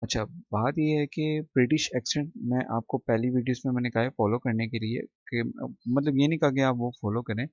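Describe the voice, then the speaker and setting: An English teacher gives a screen-recorded textbook lesson, going word by word and reading the English lines slowly and deliberately. His voice is male, mid-range, steady and a little mellow. The recording is close, dull and dry, with no room sound.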